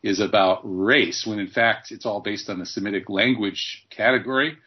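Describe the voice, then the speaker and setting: Low husky guy hosting an interview, explains stuff slowly, muffled lo-fi audio. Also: steady tone. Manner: measured, explanatory, lecturing. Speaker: interviewer host. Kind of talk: interview conversation.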